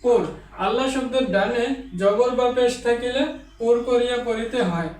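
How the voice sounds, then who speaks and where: A man teaching an online Quran reading lesson, explaining each rule and then chanting Arabic examples in a slow, drawn-out recitation. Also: very high-pitched, steady tone, a little mellow, recorded from a distance. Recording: echoey, off-mic room sound.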